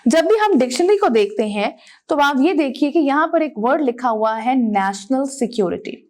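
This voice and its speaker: A woman's voice: high voice, lively intonation, normal speed, darkish tone. A woman teacher giving a video lesson, explaining words and grammar and mixing English terms into her speech.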